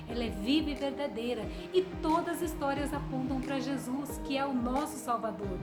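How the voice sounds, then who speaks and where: A woman with a Brazilian accent and a bright, sing-song welcoming delivery, presenting Bible stories to children. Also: high voice. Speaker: host of children's Bible story show. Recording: loud music behind. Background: loud music.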